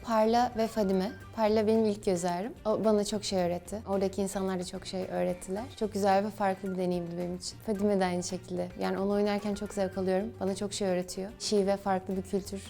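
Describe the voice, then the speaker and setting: Fast-talking young woman, mellow tone. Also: medium pitch, creaky, faint music behind. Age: young adult. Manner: lively, chatty, upbeat. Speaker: actress, interview guest. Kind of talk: casual interview answers. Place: studio.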